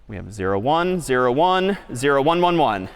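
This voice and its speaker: A man giving a lively university lecture, coaxing volunteers and the audience along with a brisk, energetic manner. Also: medium pitch, smooth. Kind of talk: university lecture with live demo.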